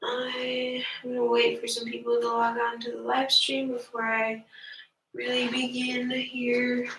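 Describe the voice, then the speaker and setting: A woman's voice: on the high side, completely flat delivery, unhurried, fairly bright tone. A young woman with a stuffy nose leading a live-streamed yoga class, speaking casually with many fillers. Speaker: yoga teacher. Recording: roomy, distant from the mic.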